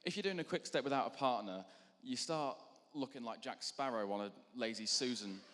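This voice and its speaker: A man's voice: mid-range voice, brisk, fairly bright tone. A young man doing a stand-up routine between acts at a charity show, rambling and self-deprecating with lots of ums. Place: large hall on stage. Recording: hall reverb.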